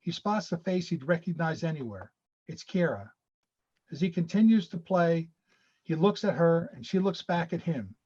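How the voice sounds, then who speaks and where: A man reads screenplay stage directions in a steady, matter-of-fact way, his voice a bit higher than most. The audio is dull and lo-fi from a video call. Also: normal speed, husky. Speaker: narrator reading stage directions. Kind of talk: screenplay reading.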